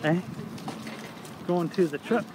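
Speaking slowly in a high voice, a young man vlogs on a phone held at arm's length as he strolls through an indoor flea market. His narration is rambling and offhand, and heavy background noise and loud music fill the recording.

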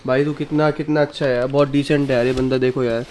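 A man's voice: medium pitch, flat delivery, fast, slight background noise. Male vlogger, grateful and chatty, handheld camera in a hotel room. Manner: warm-hearted, keeps thanking friends. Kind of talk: casual vlog chat.

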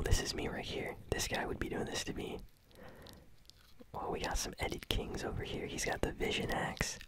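A gaming channel host whispering ASMR commentary while chewing gum and reacting excitedly to a match. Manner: whispering throughout.

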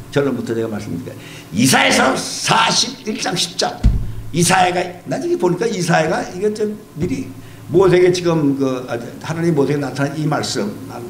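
A man's voice: sits high, a bit bright, echoey room, slight background noise. A male pastor preaching a sermon, repeating his key phrases with emphasis and firing questions at the congregation. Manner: fires rhetorical questions at the congregation.

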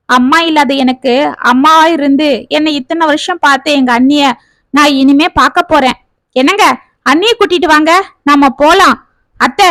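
Brief: impulsive young wife, heartfelt and quick, high bright voice, a woman reading it. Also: no echo. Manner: pleading, tearful then eager.

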